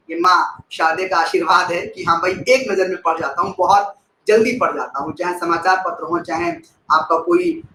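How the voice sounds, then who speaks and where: High-voiced man teaching a live class. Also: reverberant, a little hiss or hum, rough recording. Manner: expressive, repeats key phrases, thanks viewers by name. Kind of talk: live online class with chat replies.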